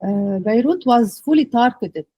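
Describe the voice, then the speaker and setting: A woman from Lebanon in her thirties, a podcast guest speaking haltingly with many fillers. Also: fairly high pitch, animated, warm tone, no echo, rough recording. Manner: hesitant, with many pauses and fillers. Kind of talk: podcast interview.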